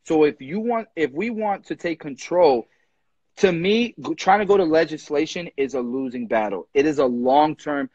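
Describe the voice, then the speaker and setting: On a casual live stream from an indoor room with a ceiling fan, a young barber educator talks with passion and emphasis, restarting quickly. His voice is on the high side, husky and a little mellow, with lively intonation. Captured by a phone front camera at arm's length, the audio is dry, dull and lo-fi.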